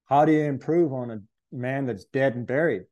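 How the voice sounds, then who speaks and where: Earnest man with a mellow voice. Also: mid-range voice, moderate pace, highs cut off. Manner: earnest, reflective, searching for words. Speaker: interview guest. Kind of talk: conversational testimony.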